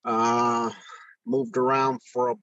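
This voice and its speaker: Earnest older man, halting and heartfelt. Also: medium pitch, little pitch movement, fairly bright tone, dry recording, muffled recording. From Mexico. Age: 60s. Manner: earnest, halting with many restarts and fillers. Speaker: interview guest, retired first sergeant. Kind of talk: candid conversational interview. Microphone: phone call audio.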